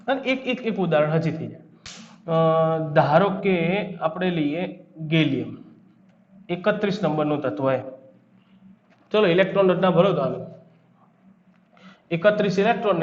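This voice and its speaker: A man with a Gujarati accent giving a chemistry lecture, quizzing his students and then answering his own questions. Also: fairly high pitch. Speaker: chemistry teacher. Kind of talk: classroom lecture. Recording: echoey room, dull lo-fi sound.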